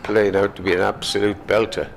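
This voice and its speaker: Man, low creaky voice, conversational cricket commentary, unhurried, faint ground ambience. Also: little pitch movement, slight background noise.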